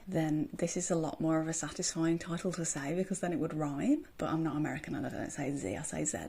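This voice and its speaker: A woman chatting excitedly about books as she unboxes them, her voice recorded on a phone voice recorder app. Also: fairly low pitch, creaky, husky. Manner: excitable, gushing. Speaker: book vlogger. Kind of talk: casual unboxing chat. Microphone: phone voice recorder used as microphone.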